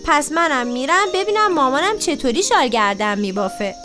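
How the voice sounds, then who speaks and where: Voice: sits high, big pitch swings, sharp tone, heavily acted. A woman doing a sweet little elephant child. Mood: eager. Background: music.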